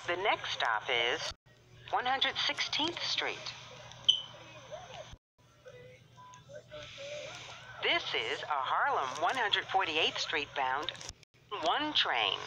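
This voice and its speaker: A woman giving recorded train announcements, built from spliced-together words and phrases that jump in pitch from piece to piece. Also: noisy background.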